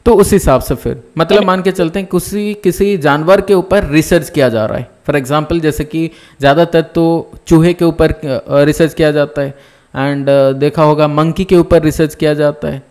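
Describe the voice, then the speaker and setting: High-voiced male nursing teacher. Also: moderate pace, a little mellow. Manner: explains step by step, often checks "ठीक है ना?". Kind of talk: live online class lecture.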